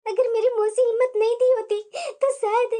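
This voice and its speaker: A woman voicing a shy, grateful young bride in a cartoon story, soft-spoken and humble. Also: very high-pitched, flat delivery, normal speed. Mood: wistful.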